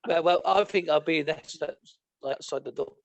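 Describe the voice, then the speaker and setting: A man's voice: fairly high pitch, moderate pace, no room sound, highs cut off. A British man chatting as a podcast guest, joking and sarcastic. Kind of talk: casual chat.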